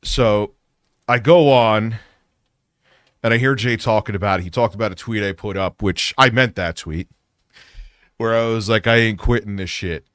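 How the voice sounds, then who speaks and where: A man's voice: lowish voice, fairly bright tone, clean tone, no room sound, studio quality. A man streamer telling an angry story in a heated, profane rant. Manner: heated, profane, fast venting.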